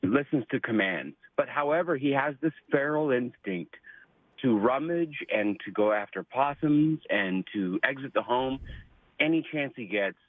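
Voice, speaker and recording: A man's voice: mid-range voice, expressive, moderate pace, dry recording. A man calling in over a speakerphone on a phone line, chatting politely with hesitant fillers. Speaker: caller. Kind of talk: casual call-in chat.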